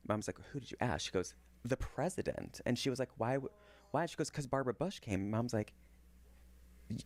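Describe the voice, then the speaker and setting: A man co-hosting a podcast, telling an animated story and acting out the people in it. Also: medium pitch, brisk. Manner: animated storyteller who acts out quotes. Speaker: podcast co-host. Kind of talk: casual chat.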